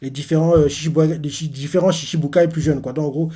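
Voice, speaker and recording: A man's voice: fairly high pitch, steady tone, fast talker, dark tone, slightly rough. A man hosting a live manga reaction. He retells a comic chapter in casual, rambling talk full of filler words and restarts.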